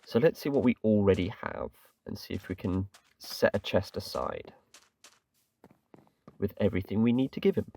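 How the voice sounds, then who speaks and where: At a moderate pace, a man with a fairly low, mellow voice and vocal fry chats through his gameplay. He's English and runs a gaming channel; his commentary is rambling, self-deprecating and full of "kinda." He sits far from the mic amid slight background noise.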